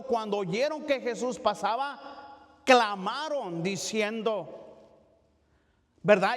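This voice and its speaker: A male pastor giving a Bible study sermon. He talks in a halting way, with many fillers and restarts, and keeps asking "¿verdad?". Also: very high voice. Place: church sanctuary. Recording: long church reverb.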